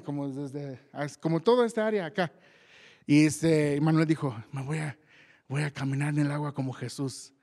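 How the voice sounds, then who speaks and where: Man preaching in a reverberant hall. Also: sits high. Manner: conversational, laughs often, slows and builds for emphasis. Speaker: pastor. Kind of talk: sermon.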